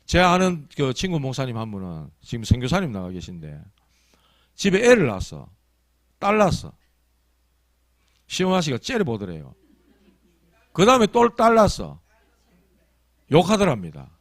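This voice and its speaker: A man's voice: medium pitch, wildly swooping pitch, moderate pace, pauses often, no room sound. A man preaching a Sunday sermon as pastor, telling stories in a colloquial, emphatic way. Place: church.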